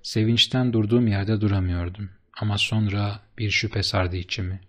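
A man narrating a story in the first person, in a steady, measured reading voice. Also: fairly low pitch. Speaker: audiobook narrator.

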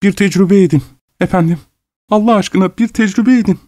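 A man voicing a desperate grieving woman of about fifty, pleading in a frantic high-pitched voice. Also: fairly quick, darkish tone, no room sound, studio quality, natural voice.

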